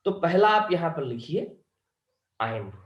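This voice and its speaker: A man's voice: on the high side, very animated, slow pace, reverberant, muffled recording. A male teacher, giving an online lecture and often checking whether students have understood. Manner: keeps asking students if they understood.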